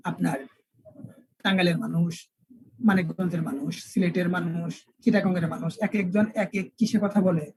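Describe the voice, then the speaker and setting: A male English teacher, lecturing an online class and spelling words out slowly with repeated examples. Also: high-pitched, darkish tone, husky, no echo, poor audio.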